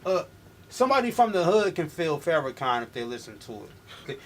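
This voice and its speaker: Young guy from milwaukee, rapper talking casual, kinda high voice, lil bit of hiss behind. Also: very animated, brisk. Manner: loose, slangy, frequent restarts and "man". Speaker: rapper guest. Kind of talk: casual interview chat. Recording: faint background noise.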